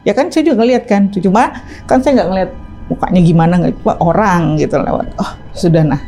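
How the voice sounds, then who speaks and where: A woman guest telling her own story in a chatty, animated, casual way, tagging her sentences with fillers. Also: on the low side, fairly quick, soft background music. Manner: chatty, animated, tags lines with "gitu". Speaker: ride-hailing driver, interview guest. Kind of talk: casual first-person storytelling.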